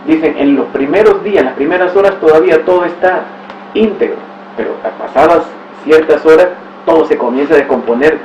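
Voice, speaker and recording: Higher-voiced man teaching in an echoey room. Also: darkish tone. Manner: storytelling with exclamations and rhetorical asides. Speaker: catechist. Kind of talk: religious teaching talk. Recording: roomy, distant, dull recording with faint hiss.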